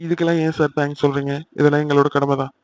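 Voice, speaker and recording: A man voicing a polite, dutiful police officer who questions a victim in a courteous, matter-of-fact way, in an amateur animated serial. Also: fairly high pitch, very fast, lo-fi sound, natural voice.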